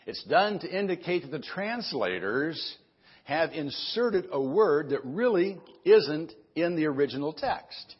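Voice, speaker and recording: A man preaching an expository sermon as a pastor in a careful, unhurried way, phrasing deliberately with pauses, on a dull lo-fi recording. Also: fairly high pitch, big pitch swings, slightly rough. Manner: careful, unhurried, step-by-step delivery.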